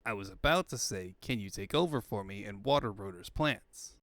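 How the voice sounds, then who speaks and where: A man's voice: lowish voice, lively intonation, moderate pace, fairly bright tone, dry recording, studio quality, pitched below the performer's own voice. Man voicing Sonic, a cocky hedgehog hero. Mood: casual, brushing off. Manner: breezy surfer-dude slang. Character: cocky, laid-back young hero hedgehog.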